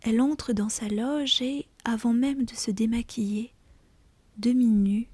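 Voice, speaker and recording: A woman reading literary fiction as an ASMR audiobook in a hushed, breathy, deliberate whisper, close to the mic. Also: on the high side, dry recording. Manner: slow, hushed, deliberate storytelling. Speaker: audiobook reader.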